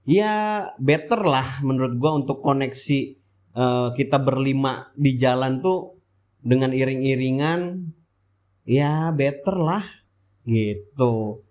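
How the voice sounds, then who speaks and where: A male motovlog host with a Jakarta-area Indonesian accent does a chatty, informal voice-over at a slow pace. His mid-pitched voice has a darkish tone, and he rambles colloquially, asking questions and then answering them himself.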